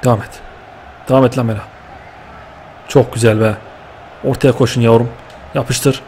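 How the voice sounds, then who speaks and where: A young man giving lively, excitable commentary while playing a football video game, cheering and scolding his players with slang. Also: medium pitch, normal speed, slight background noise. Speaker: gaming YouTuber.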